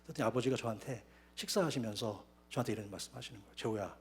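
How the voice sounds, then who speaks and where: A man preaching a sermon as pastor, telling his own story with lively storytelling. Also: mid-range voice, racing. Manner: animated storytelling, acting out quoted voices. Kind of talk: sermon with personal testimony. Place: church sanctuary.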